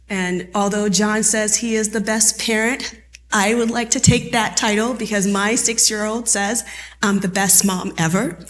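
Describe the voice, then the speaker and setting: A woman in her thirties, whose first languages are French and Haitian Creole, leads a conference training workshop with a conversational style, often putting questions to her audience. Her voice is medium-pitched, with a little background noise.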